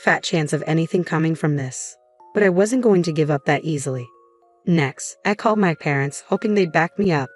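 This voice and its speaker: A young adult woman narrating a dramatic first-person story in a steady storytelling manner. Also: sits low, fairly quick. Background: faint background music.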